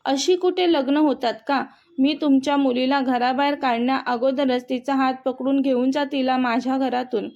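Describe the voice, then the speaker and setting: A woman's voice: high voice, steady tone, moderate pace, a little mellow. A woman voicing a stern elderly grandfather who heads the household, speaking firmly in a storybook reading. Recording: dull, muffled audio.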